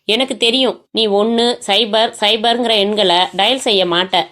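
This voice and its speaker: A woman voicing a menacing male kidnapper who speaks in a cold, measured, taunting way on the phone. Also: mid-range voice, fairly even intonation, fairly bright tone, lightly acted.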